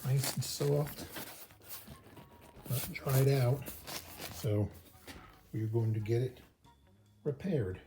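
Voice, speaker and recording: A man's voice: mid-range voice, extremely slow, pauses often, noisy background. A man hosting a car restoration video, chatting casually and explaining each step while he works in a garage. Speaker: host of a car restoration channel. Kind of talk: casual hands-on how-to narration. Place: garage, working inside a car.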